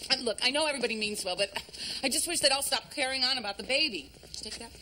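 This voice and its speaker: A woman's voice: high voice, very fast, pushed and bright, poor audio. A cranky pregnant mother. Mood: exasperated. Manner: exasperated, snappy. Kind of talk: sitcom acting. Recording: sitcom recording with background noise.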